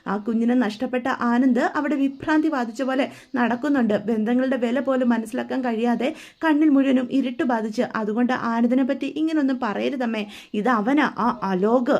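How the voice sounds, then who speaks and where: A woman's voice: on the high side, fairly quick, a little mellow, muffled recording, close to an everyday voice. A woman voicing a grieving middle-aged mother who pours out her family's loss. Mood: earnest. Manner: sobbing, broken lament.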